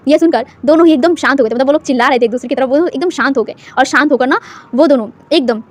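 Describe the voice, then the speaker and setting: Woman narrator for a fan fiction retelling, rapid and high, loose and chatty. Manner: fast, chatty, restarts, mixes English words. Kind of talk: storytelling narration.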